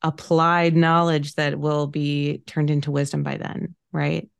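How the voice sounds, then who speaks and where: A woman in her late thirties hosts a podcast in a low voice with a gravelly edge. She talks casually and affirmingly, drawing her phrases out with fillers. The recording is dry and close. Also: flat delivery, unhurried, no room sound. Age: late 30s. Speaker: podcast host, financial planner. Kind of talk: casual conversation.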